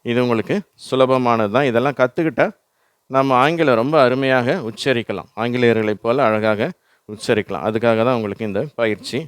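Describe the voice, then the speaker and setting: Tamil-accented male teacher, patient and repetitive, smooth clear voice, dry close voice-over. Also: medium pitch, steady tone, brisk. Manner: patient, repeats words for the listener to echo. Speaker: English teacher. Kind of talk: slow instructional explanation.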